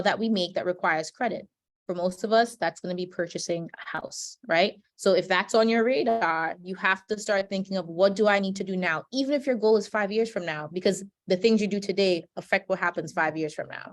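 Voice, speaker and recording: A woman's voice: medium pitch, normal speed. Presenter: woman from Trinidad, webinar host voice, explanatory, frequent "right?", video-call audio. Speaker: financial educator.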